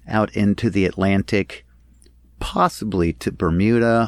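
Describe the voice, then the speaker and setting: Guy podcast host, lowish voice, chatting right to listeners, pretty dry close sound. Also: no room sound. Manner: conversational, addressing listeners directly. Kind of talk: solo podcast announcement to listeners. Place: inside the cabin salon of a boat.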